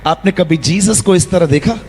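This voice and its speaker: A man preaching a lively sermon in a church, acting out quotes and scenes as he goes. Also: sits high, normal speed, breathy edge, faint music behind. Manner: lively preaching with acted-out quotes and role-play. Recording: long hall reverb.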